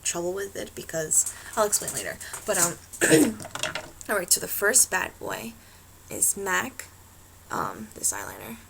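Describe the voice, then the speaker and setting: A woman's voice: mid-range voice, vocal fry, background noise. A woman chatting casually to her laptop webcam at home, rambling, swearing freely and filling her talk with "like" and "um". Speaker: beauty vlogger. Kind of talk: casual chat to camera.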